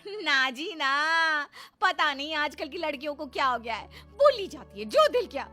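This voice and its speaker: A woman voicing a haughty, mocking young wife who is vain about her looks, in a taunting, high-pitched manner. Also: very animated, unhurried, pushed and bright, soft background music, heavily acted. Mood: sneering. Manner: sneering, taunting, high and shrill.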